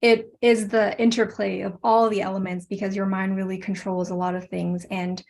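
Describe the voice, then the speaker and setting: A woman speaking on an online panel over a video call, measured and thoughtful. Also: mid-range voice, level tone, creaky, a little mellow. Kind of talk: casual online panel talk.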